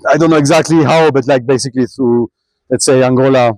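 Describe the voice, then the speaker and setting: A young man, a cyclist answering questions in a relaxed interview, pausing and restarting often. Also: mid-range voice, no room sound, low-quality recording. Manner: halting, many restarts and fillers. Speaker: traveling cyclist.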